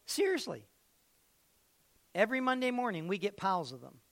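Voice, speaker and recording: A man's voice: high voice, big pitch swings, moderate pace, creaky, fairly bright tone. A man preaching a sermon as pastor in a church, emphatic and repeating phrases, with joking asides. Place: church sanctuary.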